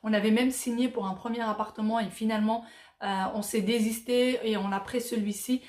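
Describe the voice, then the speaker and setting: A woman's voice: on the high side, steady tone, brisk, a little mellow, reverberant. A Moroccan-born woman in her thirties, chatting casually as she reads out viewer questions and answers them with plenty of fillers. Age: 30s. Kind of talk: casual Q&A vlog.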